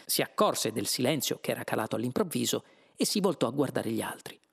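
A man reading a novel aloud as scripted narration with an expressive delivery. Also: medium pitch, fairly quick, gravelly, husky. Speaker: audiobook reader.

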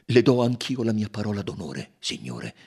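A man's voice: on the low side, very animated, moderate pace, a little mellow, breathy edge, heavily acted. A man voicing a hot-tempered aristocratic count who speaks with indignant passion. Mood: impassioned. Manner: indignant, impassioned.

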